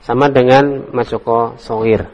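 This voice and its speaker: A man's voice: mid-range voice, fairly even intonation, unhurried, a little mellow, long reverb tail, highs cut off. A male religious teacher leading a classroom Arabic grammar lesson. He quizzes his students one by one and explains each answer patiently, with the odd joke. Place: classroom study circle.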